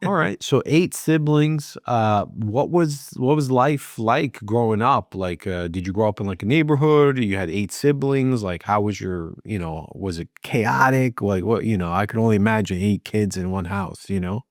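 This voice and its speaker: Low-voiced podcast host, chatty and rambling. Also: male voice, normal speed, hardly any pauses, no room sound, clean studio sound. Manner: friendly, filler-heavy, rambling questions. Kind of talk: casual interview chat.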